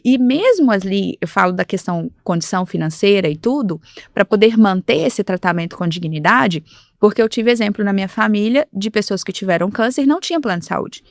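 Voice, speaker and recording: Fast-talking woman telling stories on a podcast. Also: medium pitch, expressive, dry recording, studio quality. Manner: storytelling, acting out quoted dialogue. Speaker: podcast guest, insurance advisor. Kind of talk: casual podcast conversation. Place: podcast studio.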